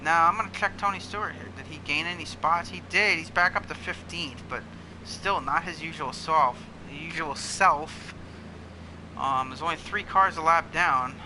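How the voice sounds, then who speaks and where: A man hosting a gaming video, giving casual, excitable commentary that talks through every moment of his play. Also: on the high side, brisk, few pauses. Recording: clear engine noise under voice. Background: racing game car engines.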